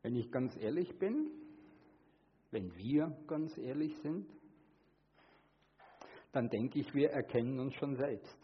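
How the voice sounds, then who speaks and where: A man preaching a sermon, earnest, moving between hushed and emphatic delivery. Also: lively intonation, slow pace, long pauses, muffled recording, a little hiss or hum. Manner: acts out quoted voices with sudden high pitch.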